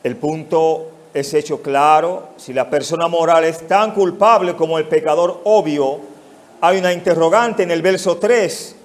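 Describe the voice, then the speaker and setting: A man's voice: fairly high pitch, measured pace. A male pastor with a Mexican Spanish accent preaching an expository sermon, putting rhetorical questions straight to his congregation.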